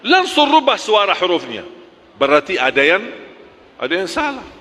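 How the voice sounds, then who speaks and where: A man's voice: high voice, big pitch swings, normal speed, pushed and bright, big-room sound. A man teaching Quran recitation, drilling letters one by one and chanting examples, correcting sharply.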